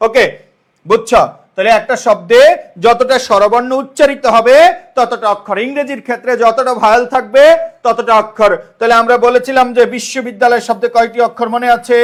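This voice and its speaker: High-voiced man teaching a grammar lesson. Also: fairly even intonation, fairly quick. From Bangladesh. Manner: explains step by step, repeats questions and checks understanding; sounds out words syllable by syllable. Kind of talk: online exam-prep lesson.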